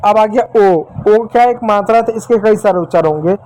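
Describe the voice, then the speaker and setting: A man's voice: high-pitched, dark tone, low-quality recording. A man teaching English letter sounds to children in Hindi, patient and repetitive, stopping often to check understanding. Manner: slow, patient, repeats example words and checks with "ठीक". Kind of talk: Hindi phonics lesson for children.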